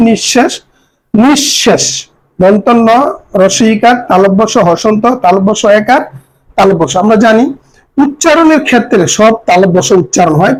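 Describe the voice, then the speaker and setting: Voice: mid-range voice, darkish tone, rough recording. Patient teacher spelling words aloud. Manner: patient, repeats each word and spells it letter by letter. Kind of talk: recorded grammar lesson for students.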